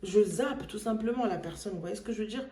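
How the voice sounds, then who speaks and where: A woman telling a casual storytime vlog, animated and acting out the voices she quotes. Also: medium pitch, fairly quick. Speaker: vlogger. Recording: echoey room.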